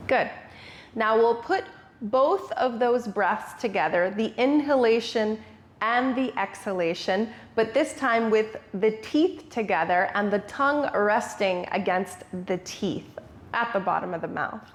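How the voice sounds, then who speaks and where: A woman's voice: medium pitch, a little slow. A woman with a mid-range voice teaches a yoga breathing exercise. She speaks as an instructor, laying out each step in short, simple cues for the listener to follow. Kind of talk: guided breathing tutorial.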